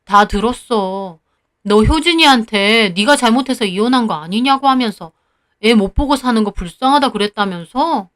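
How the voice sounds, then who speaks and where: This is a divorced friend who calls to scold, convinced she is in the right, as a woman puts her on. She speaks slowly and reproachfully, a little lower than the teller's own voice. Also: expressive, fairly bright tone.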